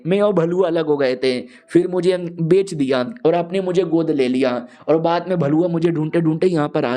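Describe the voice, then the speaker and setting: A man voicing a chatty young girl disciple in a comic storytelling recap, raising his pitch. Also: dark tone. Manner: raised, girlish pitch.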